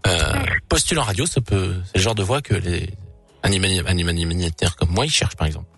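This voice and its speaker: A man hosting an evening call-in radio show, joking and teasing callers in quick banter. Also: sits low, creaky, fairly bright tone, breathy edge, faint music behind. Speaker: radio host taking callers. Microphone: studio microphone.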